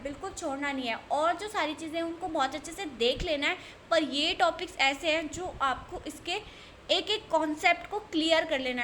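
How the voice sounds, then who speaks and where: A woman's voice: high-pitched, pushed and bright, slight background noise. A woman tutoring nursing exam candidates, speaking earnestly and repeating her points to urge them on. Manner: earnest, repetitive, urging. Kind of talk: exam-prep lesson talk.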